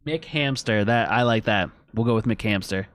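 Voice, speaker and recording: A gaming streamer with a lowish, fairly bright voice plays through a game at an unhurried pace. In casual let's-play style he thinks out loud, chats with viewers, and reads on-screen text.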